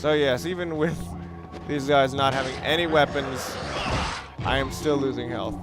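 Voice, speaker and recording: A man does let's play commentary on a video game walkthrough, talking casually in a wry, rambling way. His voice is medium-pitched at normal speed, with game music and sound behind him.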